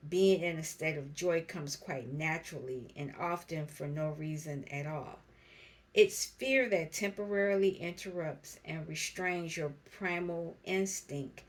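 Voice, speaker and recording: A woman giving a spiritual card reading to camera, speaking slowly and reflectively and reading card meanings aloud. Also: sits low. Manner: slow, reflective, reads card text aloud. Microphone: camera mic.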